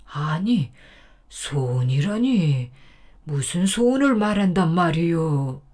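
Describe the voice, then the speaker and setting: A woman voicing a kind, gentle old grandfather who talks in a slow, drawn-out way. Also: fairly low pitch, big pitch swings, voice pushed down, heavily acted. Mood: placating.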